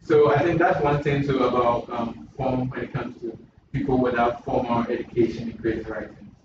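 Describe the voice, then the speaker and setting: A man from Ghana, a poet speaking thoughtfully on a panel discussion, in measured phrases with restarts. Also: medium pitch, steady tone. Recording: distant mic in an echoey room, muffled, noisy.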